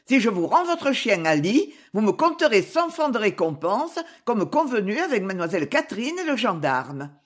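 A woman's voice: medium pitch, sing-song, normal speed, hardly any pauses. A woman reading an audiobook voices a cheerful, shrewd husband who speaks with confidence. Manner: confident and jovial.

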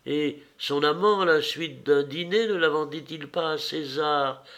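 A devoted young Greek woman, timid and pleading, as a male audiobook reader gives her lines. She speaks slowly in a slightly high, tender voice. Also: a bit bright. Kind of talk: audiobook reading.

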